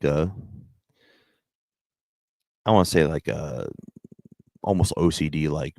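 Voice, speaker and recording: A man with an extremely low voice and a gravelly fry, talking on a livestream. He rambles casually in loose slang and swears freely, and the sound is dry and close. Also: darkish tone, no echo. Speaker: livestream host chatting with viewers.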